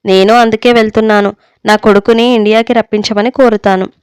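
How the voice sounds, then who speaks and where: A woman's voice: mid-range voice, steady tone, a little fast, clear, resonant tone, no echo, lightly acted. A woman voicing a worried, strong-willed middle-aged mother in a read-aloud story, speaking in a scolding, insistent way. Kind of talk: storybook reading.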